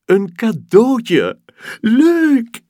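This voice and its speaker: A small girl astronaut alone in a rocket, with a high, breathy childlike voice, as a man puts her on. She sounds husky and close, with no room sound behind her. Her voice leaps between tearful lows and squeals of delight. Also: big pitch swings, slow, a little mellow, no room sound, exaggerated voice. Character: little girl astronaut, lonely but cheerful.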